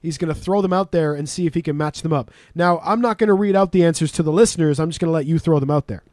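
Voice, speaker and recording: Guy hosting a podcast: higher voice, dry close sound, swears and laughs a lot. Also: quick pace, a little mellow, dry recording. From Canada. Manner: swears freely, laughs often. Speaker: podcast host. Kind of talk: casual podcast banter.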